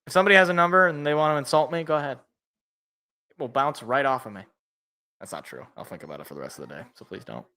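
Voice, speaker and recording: Bright-voiced young man reacting to football. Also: medium pitch, animated, fast. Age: 20s. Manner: joking, self-deprecating, chatting with viewers. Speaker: sports podcast co-host. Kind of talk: live game reaction and play-by-play.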